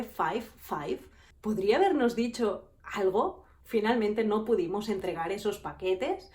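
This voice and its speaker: Lively woman from telling stories. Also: mid-range voice. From Spain. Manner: lively, acts out people in her stories. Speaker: vlogger. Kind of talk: storytelling anecdotes.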